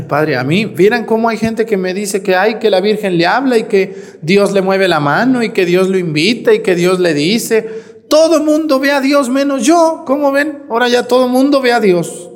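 A priest preaching a Sunday sermon, scolding and teasing his congregation, acting out sarcastic quotes. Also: a little high. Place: church. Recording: long church reverb.

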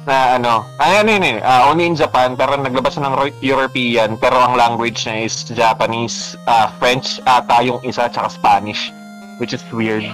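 A man's voice: mid-range voice, steady tone, moderate pace, fairly bright tone, faint music behind, rough recording. A man co-hosting a casual podcast about video games, rambling with lots of filler words and switching into English. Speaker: podcast co-host.

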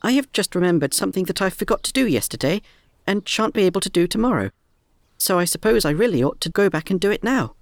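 Piglet, squeaky and timid, as a man puts him on. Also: big pitch swings, fast, no echo, studio quality. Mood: nervous. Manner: squeaky, nervous, stammering. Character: small timid anxious young male piglet. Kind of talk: storybook character voice.

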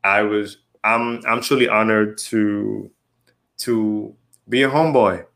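A man with a bright, forceful voice hosts a casual podcast chat. He talks in a playful, pumped-up way and keeps checking in with his listeners with "right?" and "you know what I mean". He sounds loose and upbeat. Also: lowish voice, fairly even intonation, slow pace, vocal fry. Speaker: podcast host.

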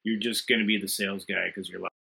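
A man's voice: on the low side, flat delivery, rapid-fire, creaky, bright, forceful tone, breathy edge. A man on a remote call with a connection that breaks up, making a thoughtful case in a casual panel discussion and building his points through questions. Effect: remote call audio, connection breaking up. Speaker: podcast panelist. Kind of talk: casual pop-culture discussion.

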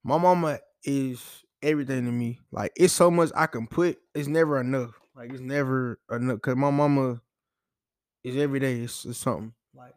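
A man's voice: medium pitch, fairly even intonation, normal speed, darkish tone, dry recording, clean studio sound. A young man, a college football player, talking casually and with feeling in an interview, often saying "bro". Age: young adult. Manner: heartfelt, repetitive, says "bro" often.

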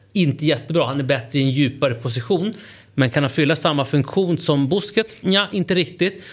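A man in casual podcast chat, arguing football tactics in an animated way, stumbling over repeated words and swearing when fired up. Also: a little high. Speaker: football pundit.

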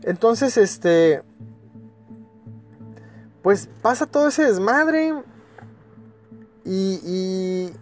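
A man's voice: high-pitched, big pitch swings, very slow, long pauses, soft background music. Mexican man telling a crude story. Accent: Mexican Spanish. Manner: crude, emphatic, with frequent 'este' fillers and stumbles. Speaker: podcast host. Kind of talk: casual storytelling.

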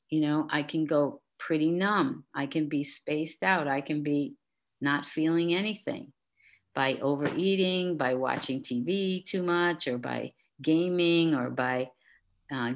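A middle-aged woman in a casual interview, gently explaining and guiding a calming exercise. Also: sits low. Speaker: guest expert.

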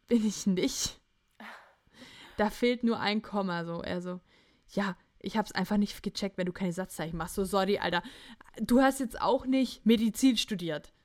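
A woman's voice: medium pitch, no echo, clean studio sound. A young woman hosting a casual podcast, animatedly retelling a chat conversation and acting out both sides. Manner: animated storytelling, quoting texts in chats. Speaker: podcast host.

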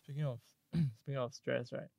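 A man's voice: medium pitch, flat delivery, fairly quick, vocal fry, darkish tone, no echo. Young Singaporean man chatting in Singlish. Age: young adult. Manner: Singlish with local particles. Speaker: university student on a podcast. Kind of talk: casual group discussion.

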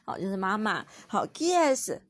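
A medium-pitched, sing-song female voice at ordinary speed belongs to a young mother with a Taiwanese Mandarin accent. Recorded at studio quality with no room sound, she patiently and playfully teaches her toddler French words at home, cheering the child on.

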